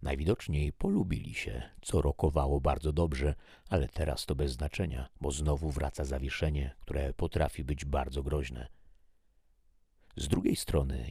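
A man narrating a first-person story in a measured, reflective way. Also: a bass voice, gravelly, a little mellow, breathy edge, no echo, clean studio sound.

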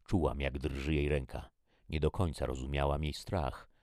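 A man reading a first-person story as an audiobook in a measured, even way. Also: extremely low pitch, no room sound, studio quality. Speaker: audiobook reader.

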